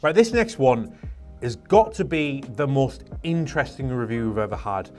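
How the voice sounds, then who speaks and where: A man's voice: medium pitch, lively intonation, moderate pace, a little mellow. British male store presenter, casual review-reading with wry incredulity, music underneath. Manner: wry, bemused disbelief at odd reviews. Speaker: presenter for an airsoft and paintball shop. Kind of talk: casual commentary, reading out customer reviews aloud.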